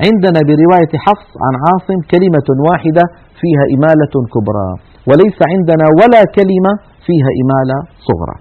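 Male recitation teacher, brisk lesson delivery, demonstrates sounds aloud, tinny lo-fi audio. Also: fairly high pitch, expressive. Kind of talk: explanatory religious lesson. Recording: narrow phone-like audio.

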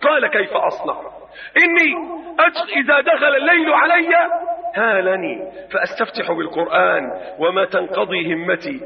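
A man preaching an impassioned sermon, moving from hushed tones to shouted, chanted appeals. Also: high-pitched, fairly even intonation, normal speed, gravelly. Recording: distant, dull lo-fi recording.

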